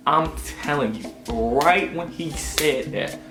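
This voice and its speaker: A fairly high-pitched man in his twenties from Augusta, United States, takes his time telling a personal story as a vlogger. He's animated, uses slang, and keeps dropping "you know what I'm saying"; the room echoes and background music runs underneath.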